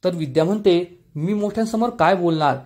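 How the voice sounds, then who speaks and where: Man, high-pitched voice, episode recap, tells the story and reads out all the characters' lines himself. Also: brisk, a little mellow. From Maharashtra, India. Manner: narrates, quoting each character's lines himself.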